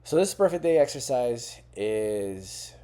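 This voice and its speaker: A man's voice: medium pitch, expressive, slow, dark tone. A man talking as a fitness and life coach, in an earnest, conversational way with frequent rhetorical questions. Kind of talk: coaching talk to camera.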